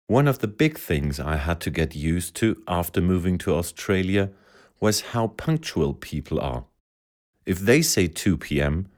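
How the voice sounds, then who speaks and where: A deep-voiced man from Ghana. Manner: earnest, explaining. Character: man from Ghana, talking about punctuality. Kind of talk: scripted testimonial for a listening test.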